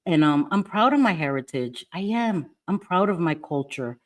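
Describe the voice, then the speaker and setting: A middle-aged New York woman hosts a casual livestream over a webcam or phone mic, chatting and reading viewer comments. Her low-ish voice is animated at a normal speed, and she speaks emphatically and defiantly, repeating her phrases.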